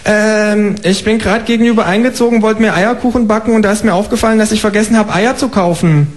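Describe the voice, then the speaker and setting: Man doing a high, cheeky talking kangaroo. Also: fast, close to an everyday voice. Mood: pushy polite. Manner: polite, wheedling requests, cheeky. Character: chatty talking kangaroo neighbor, politely pushy. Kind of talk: comic reading.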